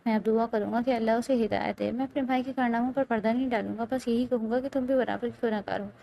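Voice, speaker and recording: Woman narrator doing a torn young cop from a storybook, pleading, then blunt, gravelly low-bright voice. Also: steady tone. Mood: stern. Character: young male police officer, earnest and torn.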